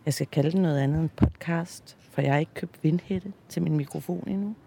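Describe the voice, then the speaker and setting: A middle-aged woman from Denmark with a dark, raspy voice and a crackle of fry. She talks in a self-mocking, hesitant way, full of fillers. She records a personal diary at home on a handheld mic that pops. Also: low voice. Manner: slow, reflective voice-over narration. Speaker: podcast host. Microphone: handheld mic that pops on P sounds.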